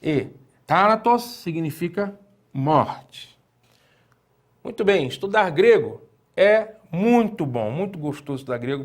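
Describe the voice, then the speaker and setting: A man giving a recorded language lesson, explaining patiently, asking rhetorical questions and repeating key words slowly. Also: fairly high pitch. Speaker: Greek teacher.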